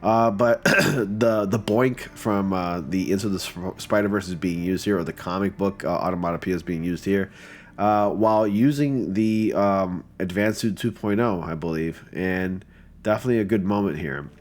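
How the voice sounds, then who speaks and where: At a moderate pace and low pitch, a man with a just-off-a-cold stuffiness goes through fan photo submissions. His talk is chatty and excited, thick with filler words.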